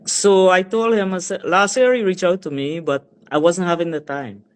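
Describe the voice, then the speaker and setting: A man's voice: high voice, fairly even intonation, moderate pace. A man from Guyana, a guest on a business chat, telling stories in a chatty way with lots of "like" and "right?". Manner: chatty storyteller, often adds "like" and "right?". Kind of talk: casual interview chat. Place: Edmonton, Canada.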